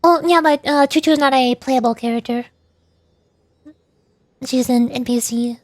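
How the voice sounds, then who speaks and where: In a dry recording, a woman with a high voice and moderate pace streams a game. She chats casually, voices the game's dialogue, and often wonders aloud in questions.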